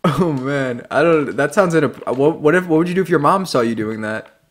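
A man's voice: fairly high pitch, animated, normal speed. A man hosting a gaming video, teasing and questioning another player in casual voice chat, often laughing as he talks. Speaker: gaming channel host.

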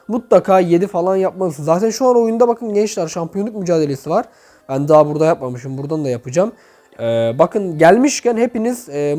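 A young man with a fairly high voice hosts a gaming video in a casual, chatty way. His words bounce around an echoey, emptied room. Music plays behind him as he addresses his viewers like friends. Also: dark tone. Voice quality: echoey, reverberant room sound. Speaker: YouTube game channel host. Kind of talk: casual gaming commentary, reviewing player profiles. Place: bedroom with items cleared out, indoors.

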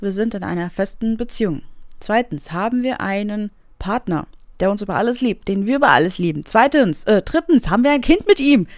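A woman giving casual gameplay commentary, excitable and often squealing and gasping. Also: mid-range voice, no room sound, studio quality. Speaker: let's play gamer.

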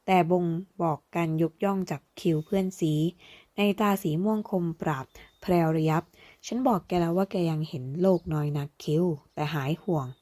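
Dark-voiced woman reading a fantasy novel. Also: lowish voice. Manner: voices characters with slow, deliberate delivery. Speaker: audiobook narrator.

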